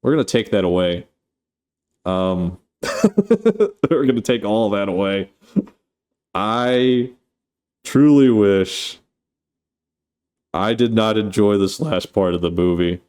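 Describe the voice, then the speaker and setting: A man's voice: lowish voice, lively intonation, slow pace, long pauses, darkish tone, clean tone. A man casually recapping a movie plot, rambling and swearing, full of fillers and restarts. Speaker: movie reviewer.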